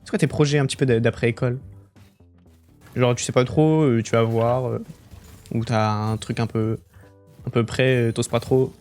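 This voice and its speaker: A young man chatting casually with his viewers while he plays a game, swearing easily and breaking into excited outbursts. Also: mid-range voice, moderate pace, pauses often, soft background music. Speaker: streamer. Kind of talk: casual live-stream commentary while gaming.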